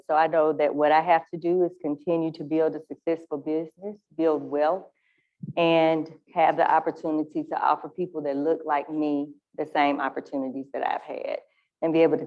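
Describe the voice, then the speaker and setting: Female panelist, deep for a woman, measured remarks, narrow phone-like recording. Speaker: entrepreneur, panelist. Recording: thin phone-like band-limited sound.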